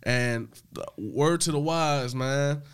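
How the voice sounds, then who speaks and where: A man's mid-pitched voice fills this casual podcast chat. He rambles through stories, stopping for fillers and swearing freely, in a laid-back, conversational way. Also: takes it slowly, smooth. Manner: loose, rambling storytelling with frequent fillers and profanity. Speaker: podcast co-host.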